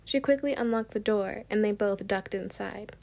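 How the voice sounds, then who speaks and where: A woman narrating her own fan story in a steady, plain reading voice. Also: mid-range voice, normal speed, gravelly.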